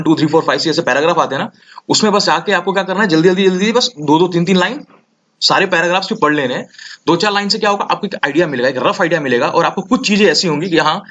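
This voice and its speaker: Fast-talking young male tutor. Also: a little high, a little hiss or hum. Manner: energetic, repeats "ठीक है" often. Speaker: exam prep tutor. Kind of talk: casual tutorial talk. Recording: slightly dull lo-fi audio.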